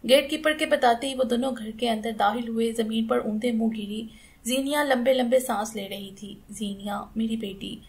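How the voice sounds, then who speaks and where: A woman narrating a romantic novel as an audiobook, in a steady, expressive storytelling style. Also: fairly high pitch, normal speed.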